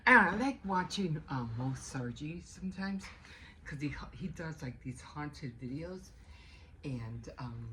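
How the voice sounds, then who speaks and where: Toothless-sounding woman chatting casually, lowish voice. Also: expressive, a little slow. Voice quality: toothless speech, without dentures. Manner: rambling, talking low at times. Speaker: vlogger. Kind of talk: casual morning chit-chat. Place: indoors at home, bedroom. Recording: noisy home recording.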